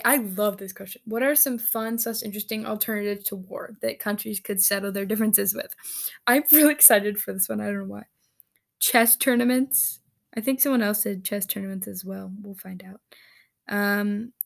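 Giggly woman with a gravelly edge. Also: medium pitch, normal speed. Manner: giggly, reacts aloud while reading, drops into asides. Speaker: vlogger reading out viewer answers. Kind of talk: casual solo chat.

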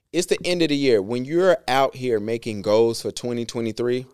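Casting: easygoing male podcast co-host, smooth resonant tone, close dry mic. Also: medium pitch, no echo. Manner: laid-back slang, frequent "um" and shout-outs. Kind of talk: casual podcast chat.

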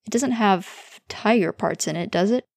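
Woman doing guarded tired male investigator, blunt, gravelly, dry close sound. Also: mid-range voice, normal speed, a little mellow, no room sound. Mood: curious.

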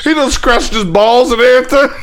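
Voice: sits high, a little fast, heavy background noise. A podcast co-host who chimes in with slangy short remarks and laughs often during casual banter.

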